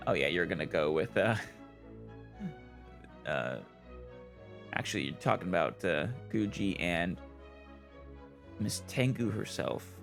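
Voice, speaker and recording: A man's voice: low-pitched, lively intonation, takes it slowly, gravelly, pauses often. A man hosting a let's play, thinking aloud in casual commentary with hesitant fillers over game music.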